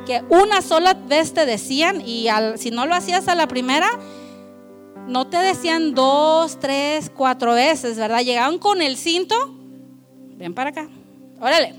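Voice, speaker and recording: Woman, high voice, sermon, faint instrumental music behind. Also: a little slow. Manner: switches between Spanish and English, conversational and lively. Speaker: preacher.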